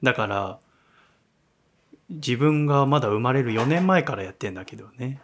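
A man hosting a casual radio chat from a small bar studio, talking in a playful, teasing way and keeping his voice soft. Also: medium pitch, expressive, normal speed, slight background noise. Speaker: radio show host.

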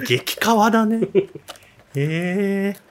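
Lively soft-spoken male show host. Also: sits high, very slow, noisy background. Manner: playful, teasing, habitually soft-spoken. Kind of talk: casual chat. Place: small bar used as studio.

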